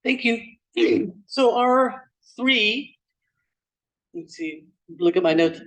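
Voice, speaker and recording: A woman running a member meeting and calling on groups, brisk and directive. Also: on the high side, expressive, far from the mic, poor audio. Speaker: meeting facilitator.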